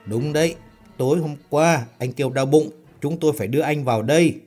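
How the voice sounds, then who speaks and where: A man's voice: fairly high pitch, a little fast, darkish tone, faint music behind, close to an everyday voice. A man doing a timid, jittery young worker. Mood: nervous. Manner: nervous, questioning. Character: timid, easily scared young male worker.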